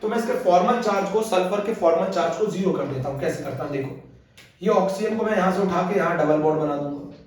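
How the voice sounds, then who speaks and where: Guy teaching chem class, high voice, keeps asking students stuff, super echoey room. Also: lively intonation, quick pace, a little hiss or hum. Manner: repeats questions and has students answer. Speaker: chemistry teacher. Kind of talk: classroom lecture. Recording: echoey room, mic far off.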